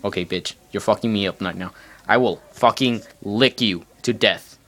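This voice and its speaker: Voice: low-pitched, moderate pace, a bit bright. A performer improvising a comic voice-over as a foul-mouthed, jumpy, indignant puppy with a man's voice. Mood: combative. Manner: sweary, exasperated, exclaiming.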